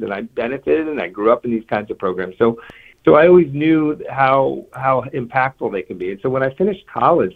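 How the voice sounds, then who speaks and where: A man from New Jersey, a guest on a radio interview, talking earnestly and often restarting his sentences. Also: medium pitch. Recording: tinny phone line.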